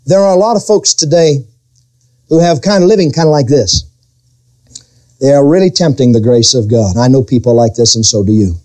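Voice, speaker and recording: A middle-aged male pastor preaches a sermon, talking a little fast in a darkish tone. He swings his voice up and down with sudden pitch changes, draws out key words, and slips into quoted voices.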